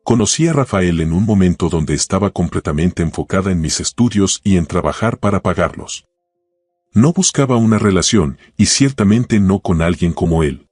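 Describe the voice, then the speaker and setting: A man with a deep, husky voice voicing a guarded but sincere young working-class woman who speaks in a measured way. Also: animated, a little mellow, dry recording, studio quality, faint music behind. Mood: earnest.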